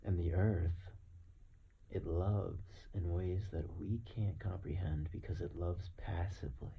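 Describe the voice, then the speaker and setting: A man with a very low, gravelly voice delivers a slow, deliberate philosophical monologue in a reflective mood, his intonation fairly even. He leaves long pauses and often drops into a breathy murmur. The recording sounds dull, with faint noise underneath.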